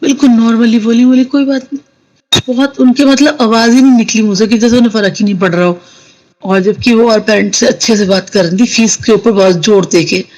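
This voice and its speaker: A woman shares a personal devotional experience in a relaxed, chatty telling. She talks to her listeners directly and warmly addresses them as a congregation. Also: on the high side, fast, rough recording. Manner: conversational, addresses the listeners as sangat ji. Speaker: satsang storyteller sharing a devotee's experience. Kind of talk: casual devotional storytelling.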